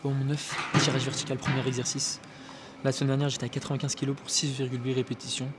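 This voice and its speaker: A man's voice: mid-range voice, level tone, quick pace, loud music behind the voice. A man in his twenties, a fitness vlogger chatting casually and a bit scattered to the viewer at the gym. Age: 20s. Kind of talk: casual gym vlog chat.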